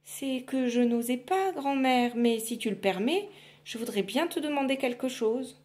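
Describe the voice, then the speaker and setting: A woman voicing a timid young peasant girl in a storybook reading, soft and pleading. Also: on the high side, a little slow, voice pushed up, lightly acted.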